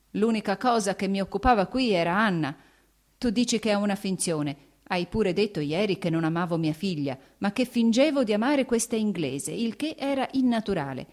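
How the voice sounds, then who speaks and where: A woman's voice: mid-range voice, darkish tone, voice pushed up, lightly acted. Woman doing a desperate jealous noblewoman. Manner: impassioned, accusing.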